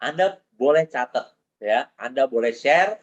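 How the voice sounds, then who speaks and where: A man who works as a business coach, giving an animated motivational training talk over a video call, full of rhetorical questions. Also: mid-range voice, measured pace, lo-fi sound. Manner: animated, rhetorical questions, mixes in English phrases.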